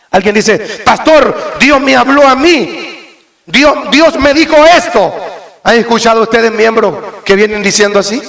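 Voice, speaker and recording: A man preaching a sermon as pastor, impassioned and often mimicking church members before rising to shouts. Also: high-pitched, creaky, reverberant.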